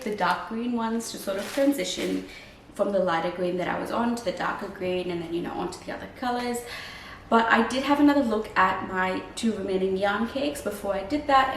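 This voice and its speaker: A woman with a croaky, slightly under-the-weather voice, chatting casually and ramblingly to vlog viewers. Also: medium pitch, fairly bright tone. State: croaky voice from oncoming illness. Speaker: crochet vlogger. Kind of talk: casual chat to camera, vlog. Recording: roomy, distant mic, faint hiss.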